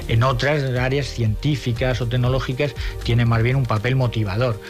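Man speaking in a flat tone. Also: medium pitch, moderate pace, over music.

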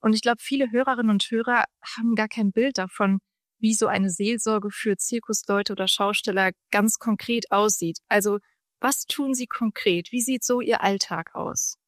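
A woman hosting a radio interview, asking clear and curious questions. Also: medium pitch, fairly even intonation, moderate pace, no echo, clean studio sound.

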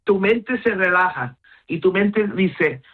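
Her medium-pitched voice is breathy and slow with lively intonation as this middle-aged Gibraltarian woman, speaking with a Llanito accent, chats casually in an interview. She shifts between Spanish and English mid-sentence, and the line sounds tinny, like a phone.

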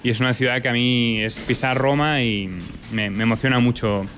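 A young chef and restaurant owner from Spain answers interview questions thoughtfully, with many fillers and restarts. His voice is mid-range, fairly bright, and fairly even in intonation at normal speed, with a little hiss or hum in the recording.

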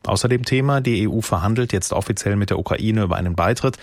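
Low-voiced male newsreader, dry studio sound. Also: quick pace, dry recording. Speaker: radio newsreader. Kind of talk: scripted news reading.

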